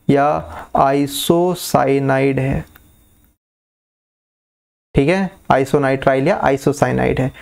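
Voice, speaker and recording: A man teaching chemistry in a casual classroom style, repeating key terms slowly and often checking that students follow. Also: medium pitch, creaky, a little mellow. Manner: coaxing, checks understanding often.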